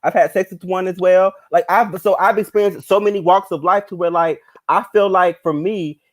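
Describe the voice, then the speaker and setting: A man with a somewhat high voice talks in a relaxed podcast chat. He hesitates a lot, restarting sentences and filling gaps with "um". The pitch sits a bit above most men. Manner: halting, many fillers and restarts.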